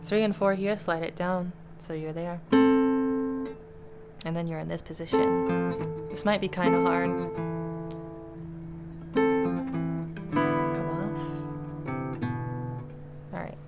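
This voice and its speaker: Female guitar teacher, slightly low pitch, casual and self-deprecating, trailing off with fillers, loud guitar playing under her. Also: very slow, gravelly, long pauses. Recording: guitar playing loudly behind. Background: acoustic guitar.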